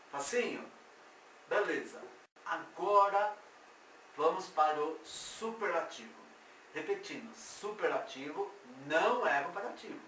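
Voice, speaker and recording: A man, teaching English grammar in a slow, drawn-out way and repeating each example. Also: on the high side, a bit bright. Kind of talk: explaining grammar at a board. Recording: echoey room from far off, faint noise.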